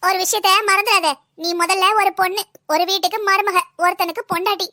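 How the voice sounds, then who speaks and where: A shrill, fast-talking cartoon sister-in-law, voiced by a woman, preachy and sharp-tongued. Her very high, bright voice scolds without a pause and sits dry and close to the mic. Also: steady tone, no echo. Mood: scolding. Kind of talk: cartoon voice acting.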